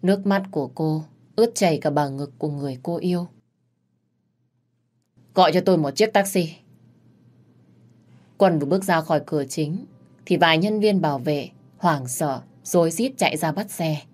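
A woman telling a dramatic story in a steady, scripted narration. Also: sits low, fairly quick.

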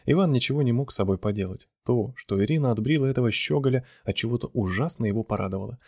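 A man reading an audiobook novel in a measured, even narration. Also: medium pitch, vocal fry, dry recording, clean studio sound. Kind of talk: scripted narration.

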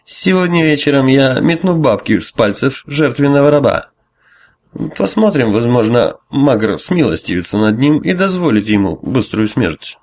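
A man playing a drunk, sneering high priest. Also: very animated, normal speed, a little mellow. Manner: slurred, drawling, with hiccups and hesitations.

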